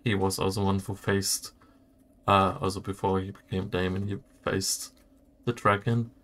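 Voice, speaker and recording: A man giving casual gameplay commentary, haltingly thinking aloud as he goes. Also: deep voice, little pitch movement, fairly bright tone. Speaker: video game player giving commentary.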